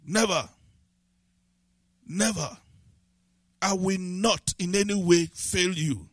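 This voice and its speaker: A man preaching a sermon as pastor, building from calm scripture reading to shouted, sing-song emphasis. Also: high voice, a little slow, no room sound.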